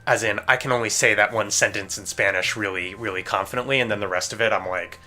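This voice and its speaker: A young man hosting a let's play, chatting casually and reading game text aloud with quick asides. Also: lowish voice, steady tone, sharp tone, soft background music.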